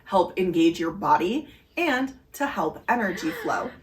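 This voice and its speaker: A woman's voice: on the low side, lively intonation, unhurried, recorded from a distance, slight background noise. A woman co-hosting a podcast, earnestly explaining breathing exercises in casual chat with many fillers. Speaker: podcast co-host. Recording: echoey room heard from afar.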